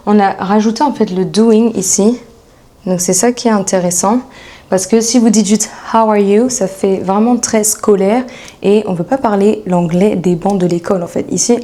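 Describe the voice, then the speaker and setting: A woman giving a casual video lesson as an English coach, chatting and slowly repeating English phrases for practice. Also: medium pitch, mellow.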